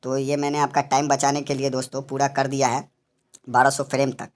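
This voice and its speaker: A man narrating a software animation tutorial, explaining each step as he works and often addressing viewers as friends. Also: mid-range voice, monotone, fairly quick.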